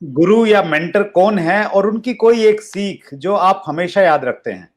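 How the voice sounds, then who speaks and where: A man's voice: high-pitched, expressive, measured pace. A man interviewing a guest, polite and deferential, calling him sir.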